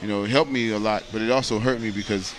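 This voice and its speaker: This American boxer, a man in his late thirties, chats casually as an interview guest, earnest and rambling, with frequent "you know"s. His voice is lowish and fairly even, he talks fast, and the recording is rough.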